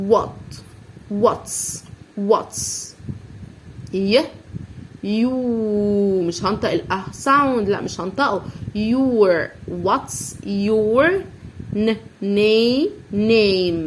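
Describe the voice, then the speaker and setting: An Egyptian woman teaching English to young children at an ordinary pitch. She draws out each word and says it over and over, sound by sound. Faint noise hums behind her voice. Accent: Egyptian Arabic. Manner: slow, drawn-out drilling of each word, repeating sounds many times. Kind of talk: recorded lesson for young children and parents.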